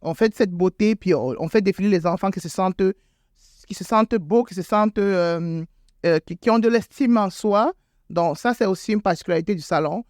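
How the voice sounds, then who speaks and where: Speaking at a medium pitch and a fairly quick pace, this woman has a slightly mellow tone, captured dry and at studio quality. As a guest who owns a beauty salon and has school-age children, she fumbles through interview answers, filling pauses and repeating words, then jumps up sharply in pitch to emphasize something.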